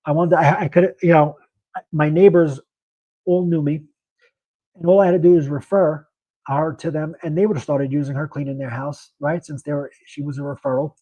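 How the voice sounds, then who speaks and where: A man's voice: a little high, fairly even intonation, moderate pace, dark tone, slightly rough, dry recording, highs cut off. A middle-aged man, a former bank manager, telling an off-the-cuff sales story with many restarts and acted-out dialogue. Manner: rambling, self-correcting, acts out quoted dialogue. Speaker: podcast host, former bank branch manager.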